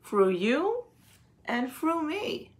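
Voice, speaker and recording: A woman reads a picture book aloud to young children, explaining it the way a teacher would and asking simple questions. Her phrasing is deliberate and drawn out, and her voice sits high with a sing-song quality.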